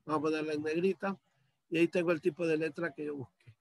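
A man's voice: on the high side, level tone, quick pace, creaky, dry recording. A male teacher walking students through a computer task step by step, patiently, on a video call. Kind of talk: screen-share computer lesson. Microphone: computer mic on a video call.

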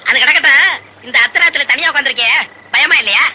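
A jittery village man chatters nervously on his way home at night in a film comedy. His voice is high and very bright. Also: fast, full character voice, rough recording. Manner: chattering, jumpy. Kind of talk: Tamil film comedy acting.

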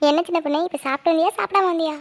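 A woman's voice: very high voice, racing. A woman voicing a fretful, scolding village mother in a cartoon.

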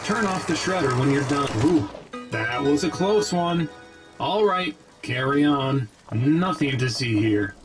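Bossy robot office manager, brisk game character with music behind. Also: male voice, fairly high pitch, lively intonation.

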